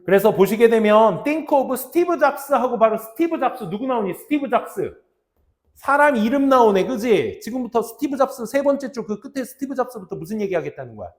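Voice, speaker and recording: Lively high-voiced man teaching a class. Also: a little fast. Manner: casual, drops to low mutters, acts out student lines. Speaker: English teacher. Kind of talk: classroom lecture.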